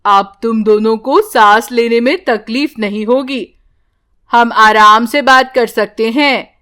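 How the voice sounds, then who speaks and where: A woman voicing a friendly, protective male magic tree in an animated bedtime story, speaking slowly and kindly. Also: fairly high pitch.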